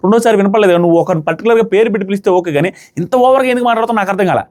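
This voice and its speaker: A man's voice: sits high, rapid-fire, darkish tone. A young man reviewing a reality show, giving emphatic, argumentative commentary and hammering the same points again and again. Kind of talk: opinionated commentary.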